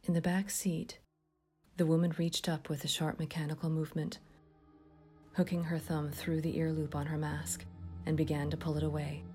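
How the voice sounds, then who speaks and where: A woman narrating a scripted horror story in a hushed, often whispered delivery. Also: low-pitched, flat delivery, moderate pace, faint music behind.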